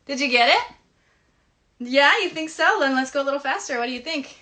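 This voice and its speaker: A woman with a high, bright, forceful voice and lively intonation speaks fairly quickly as a children's live show host. She leads an interactive play session, teaching and singing a hand game while giving kids encouraging, instructive directions. The live stream is noisy, with clicks.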